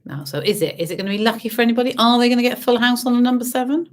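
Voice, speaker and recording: A woman's voice: fairly high pitch, very fast. A woman working as a bingo caller, hosting an online game with sing-song, repeated number calls and chatty, teasing asides to the players. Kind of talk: bingo calling with traditional rhyming number calls and chat to players.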